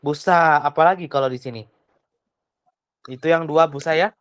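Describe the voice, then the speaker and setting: A woman's voice: low voice, moderate pace, no echo, rough recording. A young woman tutoring a child, patient and full of questions, often trailing off with a casual tag. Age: young adult. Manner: patient, asks many questions, trails off with "gitu". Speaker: private tutor. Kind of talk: online tutoring lesson.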